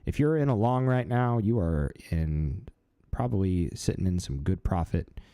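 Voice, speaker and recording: A man in his thirties hosting a live stream, talking in a relaxed, chatty way with lots of fillers. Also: low voice, normal speed, dry recording, studio quality. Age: 30s. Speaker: livestream host. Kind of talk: casual live-stream chat.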